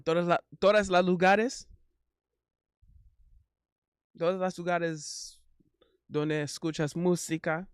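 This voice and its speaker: This livestream host and singer, a native English speaker from Miami with Haitian family, chats casually, hesitating with ums and switching between English and Spanish. His voice is smooth and on the high side. The audio is clean studio sound with no room sound.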